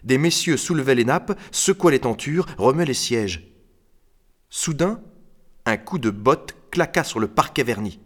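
A man's voice: medium pitch, lively intonation, unhurried, a bit bright. A man narrating an audiobook, voicing the characters.

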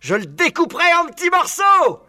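Shrill barking little farmer. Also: male voice, wildly swooping pitch, normal speed, sharp tone, exaggerated voice. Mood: menacing. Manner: barking threats. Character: male farmer, short, pot-bellied, vicious.

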